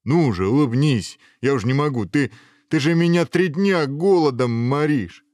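A man voicing a hungry, blustering male ogre in a storybook tale, gruff and scolding. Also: lowish voice, normal speed, no echo, clean studio sound, lightly acted. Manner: gruff, scolding, then faint and dying.

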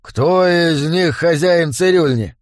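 A man voicing a laconic male assassin who speaks calmly and curtly. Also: fairly high pitch, takes it slowly, no echo, clean studio sound, pitched above the performer's own voice. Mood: cool. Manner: calm and curt. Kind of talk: audiobook character voice.

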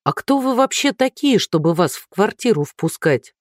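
A woman's voice: mid-range voice, very animated, moderate pace, no echo, studio quality, voice pushed up. A reader voicing a flustered, anxious blonde woman in her thirties, firing off nervous questions. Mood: wary.

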